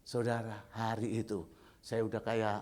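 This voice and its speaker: A man's voice: fairly low pitch, little pitch movement, unhurried, a little mellow. A male pastor preaching a sermon, telling a story and acting out both sides of the dialogue. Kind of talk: sermon testimony.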